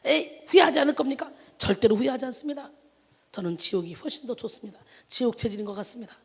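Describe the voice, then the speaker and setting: A woman voicing a cheeky, pleasure-loving male drunkard in a sermon story, speaking in low, sly asides. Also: expressive, fast talker, husky, in a large hall. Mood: decided.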